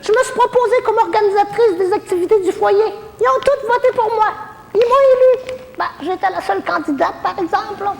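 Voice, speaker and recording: A woman's voice: extremely high pitch, brisk, creaky, in a large hall, a little hiss or hum. A woman with a Québécois accent playing a cheeky, bawdy old woman in a retirement home, in a stand-up comedy character monologue full of saucy, gossipy, self-mocking jokes. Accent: Québécois French.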